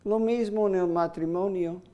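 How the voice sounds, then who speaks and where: A man preaching a sermon, emphatic, with sudden jumps in pitch and hesitant fillers, acting out short quoted apologies. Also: steady tone, moderate pace, warm tone, clean tone, dull audio.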